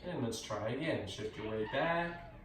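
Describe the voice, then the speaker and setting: A man giving calm, measured step-by-step movement cues as a tai chi instructor. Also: mid-range voice. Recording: echoey room, distant mic, faint noise.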